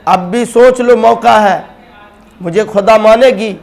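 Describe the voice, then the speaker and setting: Brief: a cruel, arrogant tyrant king, high and pushy, threatening his captive, as a preacher puts him on in a sermon. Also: vocal fry, a little mellow. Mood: menacing. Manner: threatening, taunting.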